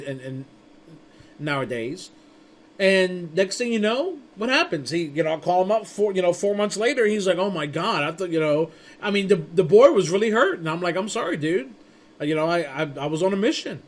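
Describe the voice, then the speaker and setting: A man with a fairly high voice gives a casual spoken lecture introducing his networking course. He rambles, restarts and stumbles over words, and tells a chatty story in which he acts out little conversations.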